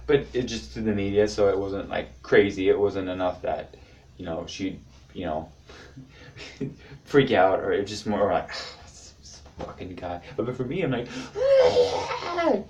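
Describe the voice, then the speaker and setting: A man in his twenties doing a rambling confessional stand-up to his camera, halting with many fillers and restarts. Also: low voice, a little mellow, distant mic. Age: 20s. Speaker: amateur stand-up comic. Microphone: camera mic.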